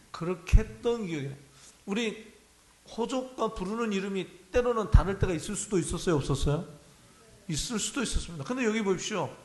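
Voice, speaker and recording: Male pastor with a high voice, conversational sermon delivery, recorded in a reverberant church. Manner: conversational preaching, asks the congregation questions. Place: church sanctuary. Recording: echoey church hall.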